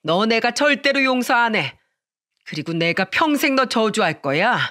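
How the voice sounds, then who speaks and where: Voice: mid-range voice, very animated, moderate pace, sharp tone. A narrator voicing an angry older mother-in-law who wails, scolds and curses in a raised voice. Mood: spiteful. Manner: wailing, scolding and cursing.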